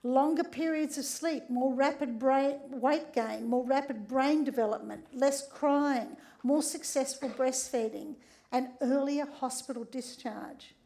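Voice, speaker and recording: An Australian woman gives a lively, conversational public talk on a theatre stage, often tagging lines with a quick "right?" to check in with the audience. Her voice sits high and is a bit croaky.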